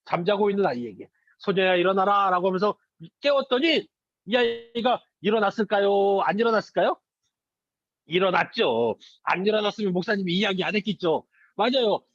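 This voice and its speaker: A man's voice: sits high, brisk, no room sound. A man, a children's pastor, telling a story in a children's sermon and asking the children questions, on a slightly dull lo-fi recording. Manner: questions to the children, lively retelling.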